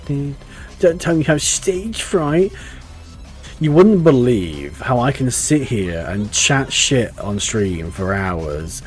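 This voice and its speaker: Faint game music plays as a man with a darkish, mid-range voice streams a game live. He chats loosely and rambles, swearing without restraint and restarting a lot.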